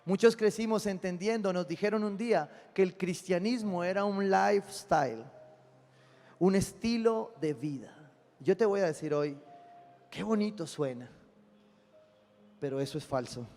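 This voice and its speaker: High-voiced pastor preaching in a hall. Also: male voice, normal speed, pauses often. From Colombia. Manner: animated preaching, acting out dialogues with God and listeners. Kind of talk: sermon. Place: church sanctuary.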